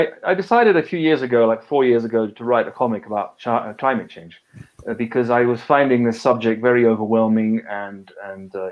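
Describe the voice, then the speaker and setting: This man is an author and conservation biologist, half British and half French, chatting casually on a live video call full of fillers and restarts. His voice sits mid-range with a darkish tone, and the audio sounds dull.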